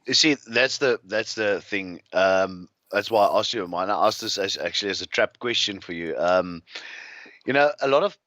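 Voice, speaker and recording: A man's voice: low voice, expressive, moderate pace, a bit bright, dry recording, studio quality. A man with a South African accent, a guest telling rambling, restless travel anecdotes in a casual interview. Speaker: guest, farmer.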